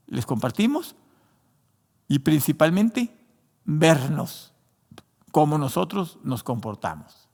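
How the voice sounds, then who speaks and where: A man's voice: fairly high pitch, a little mellow, big-room sound. A man preaching a sermon who learned Spanish later, addressing listeners as brothers, with frequent restarts. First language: not Spanish. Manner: preaching with many fillers and restarts, addressing "hermano". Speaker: pastor.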